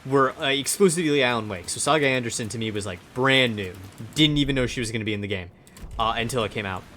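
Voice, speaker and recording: A man's voice: medium pitch, fast, fairly bright tone, a little hiss or hum. A man hosting a casual gameplay chat, rambling and muttering to himself as he plays. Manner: chatty, rambling, mutters to himself while playing. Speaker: let's play host.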